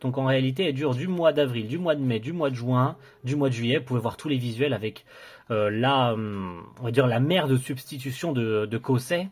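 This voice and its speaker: Husky young guy doing an unboxing review, lots of ums and restarts, super eager. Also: medium pitch, a little fast. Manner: hesitant, full of fillers and restarts, enthusiastic. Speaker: anime reviewer presenting a collector's box set.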